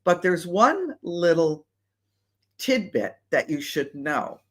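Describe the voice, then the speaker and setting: A woman's voice: on the low side, very animated, slow. A woman hosting a casual solo podcast, talking animatedly and asking skeptical rhetorical questions. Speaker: show host.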